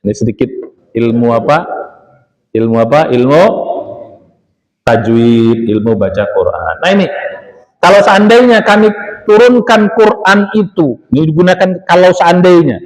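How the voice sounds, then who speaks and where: A middle-aged man giving a religious study talk, explaining Quran recitation slowly, drawing out words and asking his listeners questions. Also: fairly high pitch, animated, poor audio. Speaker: Islamic preacher.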